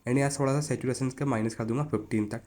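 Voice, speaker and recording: Man, tutorial host, quick delivery, casual and chatty, step-by-step instructions. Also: mid-range voice, steady tone, a little mellow. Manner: casual and chatty, calls viewers "buddy" (यार); instructive, repeatedly tells viewers to look. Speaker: photo editing tutorial host. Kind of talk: step-by-step app tutorial narration.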